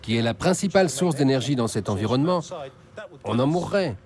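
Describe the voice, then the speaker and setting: A man's voice: medium pitch, animated, fairly quick, a little mellow. A man explaining biology as an interview voice-over in a nature documentary.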